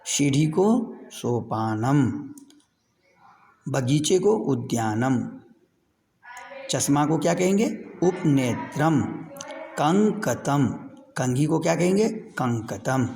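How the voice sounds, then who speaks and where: A middle-aged man teaches Sanskrit to schoolchildren, stepping slowly through each word and repeating it for them to follow. His voice has a gravelly fry, and it trails off in a long reverb. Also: mid-range voice, animated, darkish tone. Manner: slow, patient, repeats each word for children. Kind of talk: classroom lesson over a screen recording.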